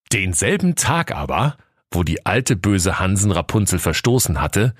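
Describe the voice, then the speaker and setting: Man, northern German accent, comic fairy-tale narration, deep voice, lively delivery. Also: breathy edge, no room sound, studio quality. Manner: lively, playful storytelling. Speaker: storyteller.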